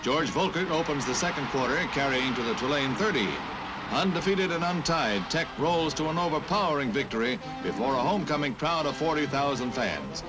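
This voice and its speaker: Old newsreel announcer, American man over loud music. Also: fairly high pitch, animated, brisk, rough recording. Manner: dramatic, punchy announcer delivery. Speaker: newsreel narrator. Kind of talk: 1950s newsreel narration.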